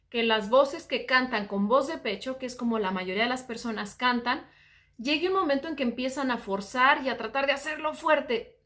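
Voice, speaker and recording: A Mexican woman teaching voice, calmly explaining singing technique and often saying "ajá". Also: high-pitched.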